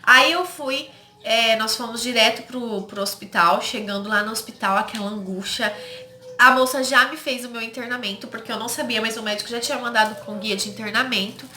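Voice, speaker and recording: Bright-voiced Brazilian woman telling a story. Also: on the high side, fairly quick. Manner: emotional, addresses viewers as "gente", quotes others. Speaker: vlogger. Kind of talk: personal story told to viewers. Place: home. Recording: echoey home room with faint noise.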